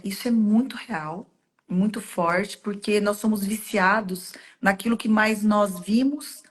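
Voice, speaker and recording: A woman hosting a faith-based conversation, telling stories earnestly and making heartfelt direct appeals to the listener. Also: medium pitch. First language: Portuguese. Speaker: host.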